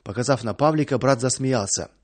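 A man reading a story aloud in a calm, even audiobook narration. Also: medium pitch, fairly quick, no room sound.

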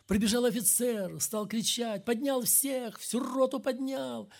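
A middle-aged man preaching a sermon, swinging between loud emphatic peaks and low quiet asides. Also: fairly even intonation, unhurried, vocal fry. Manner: acts out quoted speech in a raised voice.

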